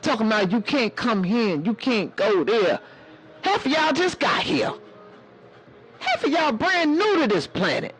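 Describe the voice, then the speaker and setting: A sassy elder woman, as a man puts her on, lectures a live audience in a very high, hoarse voice. She preaches in a motherly way and calls everyone baby and honey. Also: big pitch swings, measured pace, a bit bright, heavily acted, rough recording. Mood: preachy. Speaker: live-stream host. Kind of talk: preachy casual live-stream talk.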